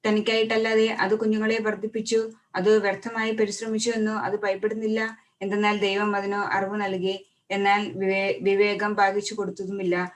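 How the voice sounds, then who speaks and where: A woman reading scripture aloud at a steady pace, often stopping to restart a word. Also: mid-range voice, normal speed, far from the mic. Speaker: Bible reader.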